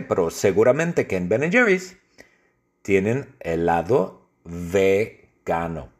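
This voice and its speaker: A man improvising an absurd comedy story in a halting, repetitive, deadpan way. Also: mid-range voice. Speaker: podcast host.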